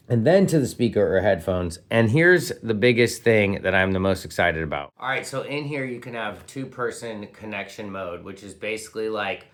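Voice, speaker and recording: With a fairly low-pitched voice, a male host runs through a relaxed, hands-on gadget review, full of excitement, informal slang, and punchy interjections.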